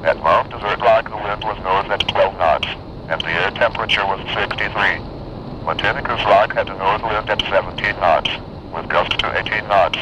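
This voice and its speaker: Low mechanical guy voice reading the weather over a hissy radio. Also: moderate pace. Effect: heard over a weather radio. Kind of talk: automated forecast reading. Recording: noisy radio reception with hiss.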